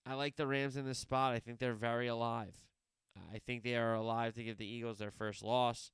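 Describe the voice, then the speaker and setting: A man's voice: medium pitch, little pitch movement, fairly quick, clean tone, dry recording, clean studio sound. A man hosting a solo sports podcast, previewing games in a rambling way, wandering off on tangents and correcting himself as he talks.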